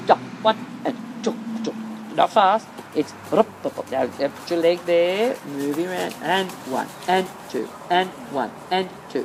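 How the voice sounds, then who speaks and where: A woman working as a horse-riding instructor, calling out short, insistent, repeated coaching commands in an outdoor arena. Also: medium pitch. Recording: outdoor noise over camera microphone. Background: outdoor ambient noise.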